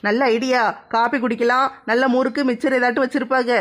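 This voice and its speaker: A woman doing a cheery, fast-talking neighbor. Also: a little high, level tone, voice pushed down, close to an everyday voice. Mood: breezy.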